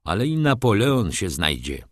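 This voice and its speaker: A man voicing a calm, steadfast father, speaking firmly, in an audiobook reading. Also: lowish voice, moderate pace, no echo, studio quality. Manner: calm, firm.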